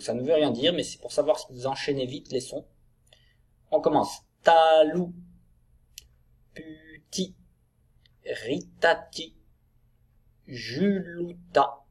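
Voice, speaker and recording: A man teaching a reading lesson to young children, sounding out syllables slowly and clearly. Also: on the high side, a little mellow.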